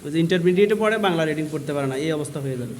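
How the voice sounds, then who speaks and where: A young male primary school teacher in a classroom, calling pupils forward one by one and questioning them about their handwriting and homework, firm but gentle in manner. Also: fairly high pitch, expressive, racing, a little hiss or hum.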